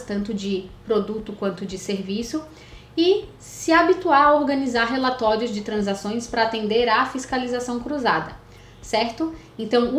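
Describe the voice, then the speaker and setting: A Brazilian woman accountant giving a clear, step-by-step video lesson, often checking in with her listeners. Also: fairly high pitch. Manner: clear, didactic, checks in with "né?" and "certo?". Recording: echoey room with faint noise.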